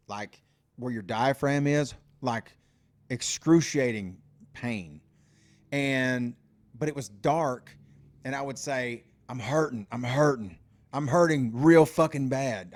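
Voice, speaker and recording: A man co-hosting a podcast, telling a long story in loose casual talk full of fillers, repeats and swearing. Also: medium pitch. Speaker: podcast co-host.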